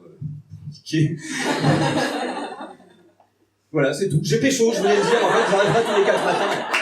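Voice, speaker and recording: A young man from Bordeaux doing his first live stand-up set, nervous, rambling and self-mocking. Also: fairly high pitch. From Bordeaux, France. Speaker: stand-up comedian. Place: live comedy venue with audience. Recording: echoey venue from far mic, noisy.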